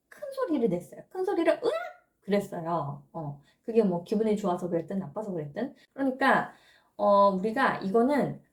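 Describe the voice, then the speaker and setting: A woman's voice: medium pitch, a little mellow, reverberant. A woman giving a parenting lesson, explaining patiently and often asking rhetorical questions. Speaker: parenting educator.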